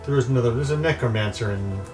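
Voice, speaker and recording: A man's voice: mid-range voice, fast, rough recording. A man narrating as game master in a tabletop game, describing scenes loosely with many fillers. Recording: mic set back, faint music.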